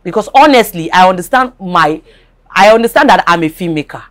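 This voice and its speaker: A woman with a Nigerian accent hosting a casual talk show, talking in an animated way, repeating herself and asking if you follow. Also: lowish voice, a little fast. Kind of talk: casual chat.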